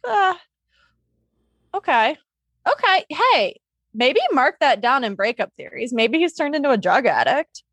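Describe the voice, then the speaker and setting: A young adult woman co-hosting a podcast in casual, comedic chat, blunt and dramatic and quick to swear. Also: high-pitched, big pitch swings, a bit bright, dry recording. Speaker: podcast co-host.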